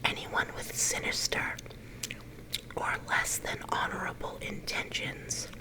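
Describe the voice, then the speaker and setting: A middle-aged woman leaning in to whisper a casual, unhurried ASMR chat, her whisper a little growly at times. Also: poor audio. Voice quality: whisper that turns slightly growly. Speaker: ASMR video creator.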